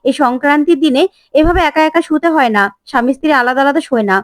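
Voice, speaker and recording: A woman's voice: high-pitched, fast, no room sound, studio quality, lightly acted. A woman voicing a stern elderly great-aunt who scolds and insists on old customs, in a soap-opera recap. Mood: scolding.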